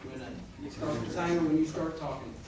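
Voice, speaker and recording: A man's voice: on the high side, fairly quick. An American man acting as board president, running a formal meeting in a procedural, matter-of-fact way. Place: village board meeting room, indoors. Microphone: far camera from audience. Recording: distant mic, very echoey noisy meeting room.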